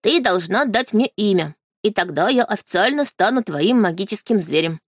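A woman reading an audiobook, voicing a calm, indifferent male sacred beast in the form of a boy. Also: medium pitch, moderate pace, no room sound, studio quality, natural voice. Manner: calm, indifferent, matter-of-fact.

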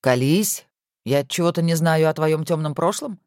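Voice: mid-range voice, moderate pace, darkish tone, smooth, dry recording, clean studio sound, pitched above the performer's own voice, lightly acted. A reader voicing a good-natured husband who banters playfully with his wife, in a storybook reading.

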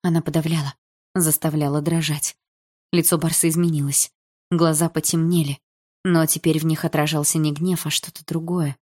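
A woman narrating a novel in the first person with calm, even reading. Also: sits low, moderate pace. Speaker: audiobook narrator.

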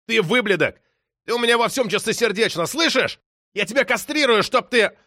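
A man voicing a hot-tempered police detective who shouts, swears and threatens. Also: on the high side, very animated, a little fast, no echo, studio quality, pitched above the performer's own voice. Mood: furious.

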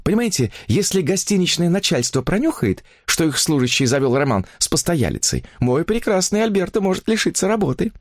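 A man's voice: a little high, very animated, fairly quick, hardly any pauses, dry recording, clean studio sound, pitched above the performer's own voice. Man putting on a gushing young woman.

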